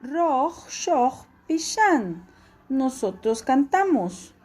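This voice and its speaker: Woman teacher, high pitch, slow patient delivery, repeats forms for class. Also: sing-song, darkish tone, breathy edge. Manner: patient, repeats each form slowly for students. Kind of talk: classroom language lesson.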